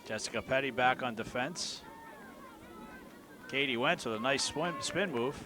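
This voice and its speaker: A man doing play-by-play commentary for a high school soccer game from a booth, in a deliberately even, monotone delivery. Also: background noise. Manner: self-described monotone delivery. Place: press booth at an outdoor school field.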